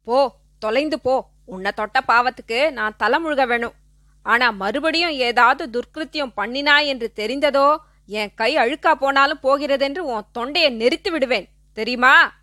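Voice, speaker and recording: A woman voicing a vengeful young male outlaw who shouts threats through clenched teeth. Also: high-pitched, moderate pace, dry recording, clean studio sound. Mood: contemptuous.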